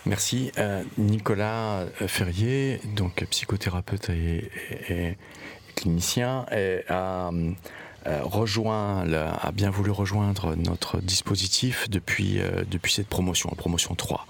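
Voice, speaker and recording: A man's voice: deep voice, slow pace, creaky, slight background noise. A man introducing a guest in a hesitant way, with many fillers and restarts. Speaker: program staff member introducing a guest. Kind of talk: casual spoken introduction.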